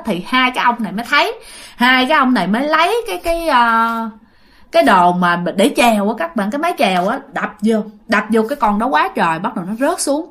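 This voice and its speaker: A woman with a Southern Vietnamese accent narrates a ghost story in loose, conversational storytelling. Her voice sits somewhat high and moves in wide, lively swings. She keeps turning to her listeners and often lowers herself to a hushed murmur. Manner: chatty, addresses listeners directly, often drops to a hushed murmur. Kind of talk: casual spoken storytelling.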